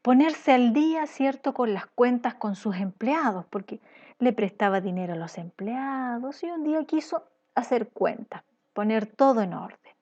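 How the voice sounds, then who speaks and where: A woman's voice: a little high, expressive, a little slow, a little mellow, lo-fi sound. A woman teacher telling a parable to children in a patient, questioning storytelling style.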